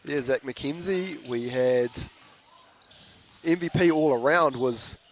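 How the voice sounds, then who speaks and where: A man with a New Zealand accent doing live basketball commentary in a relaxed, chatty way, trading jokes with his co-host. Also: mid-range voice, takes it slowly, a little hiss or hum. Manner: laid-back, chatty, laughs easily. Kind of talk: live sports commentary with banter.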